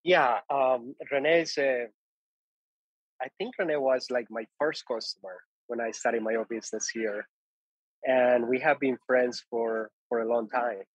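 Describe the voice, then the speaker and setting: A man from Colombia, English not his first language, talks through his background as a guest in an interview. His voice is husky, with a dry, somewhat dull sound and no room around it. He circles back, repeats words and restarts sentences as he goes. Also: medium pitch, steady tone, measured pace, no echo. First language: Spanish. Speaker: guest, coffee importer. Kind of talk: conversational interview.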